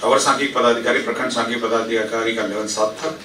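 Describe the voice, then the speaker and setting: A man's voice: mid-range voice, level tone, fast talker, pushed and bright. A man giving a formal press briefing as a government official, reading out decisions and explaining them, with English administrative terms mixed in. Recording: echoey room, distant mic, faint noise.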